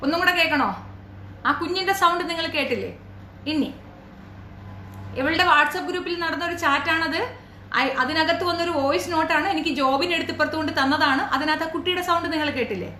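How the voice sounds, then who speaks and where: A woman commentator with a high, bright voice taunts her subject with sarcastic rhetorical questions. She is recorded in a roomy space that gives her voice an echo. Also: quick pace, slight background noise. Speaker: commentary YouTuber. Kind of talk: reaction commentary.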